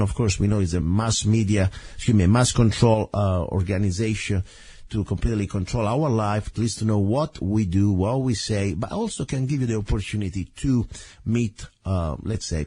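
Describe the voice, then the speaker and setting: A man hosting a casual radio show in a rough caveman voice, hoarse and congested from a heavy cold, talking in a rambling, informal way. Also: lowish voice, warm tone, no room sound.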